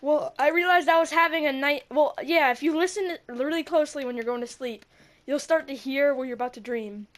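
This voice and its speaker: Telling a spooky tale on a casual podcast she co-hosts, a young woman speaks a little fast in a voice that sits high. Her delivery is animated, and she punctuates the quoted lines with yelps.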